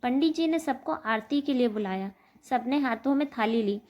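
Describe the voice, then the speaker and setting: A woman narrating an emotional family story in a steady storytelling manner. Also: a little high, moderate pace, highs cut off.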